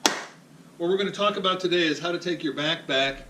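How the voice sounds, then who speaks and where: A man's voice: a little high, normal speed, background noise. A man working as a physical therapist, guiding someone through exercises in a plain-spoken, upbeat, joking manner. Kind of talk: exercise demonstration. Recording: echoey room, voice from a distance.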